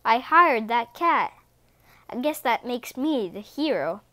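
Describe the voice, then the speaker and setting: A woman's voice: a little high, big pitch swings, takes it slowly, bright, forceful tone, dry recording, heavily acted. A woman voicing a vain, self-important male mayor who boasts and fawns over his pet in a read-aloud storybook. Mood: boastful.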